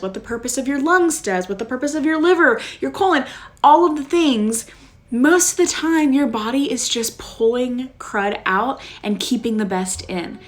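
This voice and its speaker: A woman's voice: a little high, fairly bright tone. A young woman chatting casually on a home live stream, bubbly and talkative, checking in often with her viewers. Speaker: wellness vlogger.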